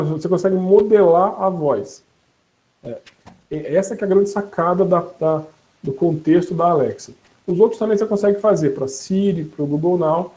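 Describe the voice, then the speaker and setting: A man with a Brazilian Portuguese accent leading a casual online class. His slightly high but mellow voice stays loose and conversational as he chats, laughs and corrects himself. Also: poor audio. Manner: relaxed, chatty, laughs and self-corrects. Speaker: instructor demonstrating a voice assistant.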